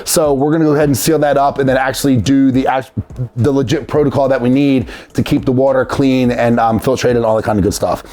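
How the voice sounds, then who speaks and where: A man's voice: medium pitch, steady tone, fast, a little mellow. A man talking informally to his viewers as host of a casual how-to video. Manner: informal, addresses viewers as guys. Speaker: host of a DIY video series.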